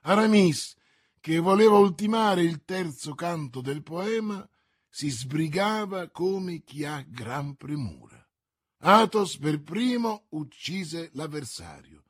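Slow, husky male narrator. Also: a little high, expressive, no echo, studio quality. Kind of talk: audiobook reading of a classic novel.

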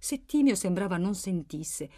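A woman narrating a novel in a measured, expressive reading style. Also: mid-range voice. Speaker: audiobook narrator. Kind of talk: literary narration.

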